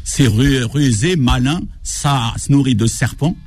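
A guest author on a radio talk show presents his book on African football, telling anecdotes with colloquial enthusiasm and acting out the dialogue he reports. His mid-range voice is a little mellow and husky, and he speaks at a measured pace.

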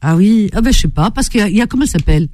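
A woman's voice: medium pitch, lively intonation, racing, mellow, no echo, clean studio sound. A woman hosting a call-in radio show, chatting with callers in a playful, affectionate, teasing way.

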